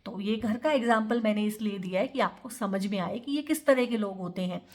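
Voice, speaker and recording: A woman's voice: mid-range voice, fairly quick, darkish tone. A woman tarot reader giving an earnest, advising monologue, mixing English words into her Hindi.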